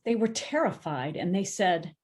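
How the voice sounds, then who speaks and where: At a church service, a woman reads a Bible passage aloud in a lowish voice. Her reading is steady and measured, with an occasional stumble that she corrects.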